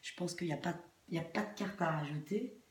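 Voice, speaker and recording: A low-pitched woman reads tarot cards informally for her online viewers while nursing a throat infection. She speaks hesitantly, often trailing off or circling back over the same phrase. The room is echoey, with faint noise behind her. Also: fast talker. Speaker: tarot card reader.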